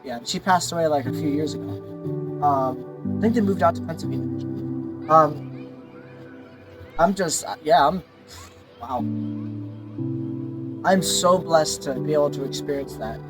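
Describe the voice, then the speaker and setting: A man chatting casually in a vlog, excited and choked up, stammering and repeating himself. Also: a little high, a little slow, pauses often, over music. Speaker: vlogger.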